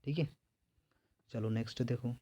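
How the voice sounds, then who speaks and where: A man's voice: mid-range voice, steady tone, normal speed, warm tone. A male teacher going through exam questions, asking each one aloud and then answering it himself. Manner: repetitive, quizzing himself and answering. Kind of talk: exam-prep lesson.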